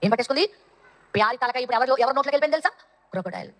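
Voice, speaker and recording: Woman storyteller for kids, high and fast, dramatic, in a hall with long reverb. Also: expressive. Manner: dramatic, addresses the children directly. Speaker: Sunday school teacher. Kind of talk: children's Bible story.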